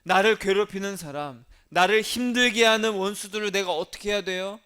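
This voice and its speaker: High-voiced pastor preaching with loud-soft swings. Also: male voice, brisk, clean tone. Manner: asks the congregation questions and answers them himself; swings between loud emphasis and soft, low asides. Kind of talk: sermon.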